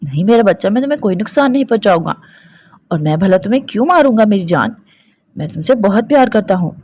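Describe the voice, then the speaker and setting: A woman's voice: mid-range voice, expressive, brisk, a little mellow, highs cut off, voice pushed up, lightly acted. A possessive young husband who snaps orders and silences every objection, voiced by a woman narrator. His lines come out harsh and commanding. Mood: tender.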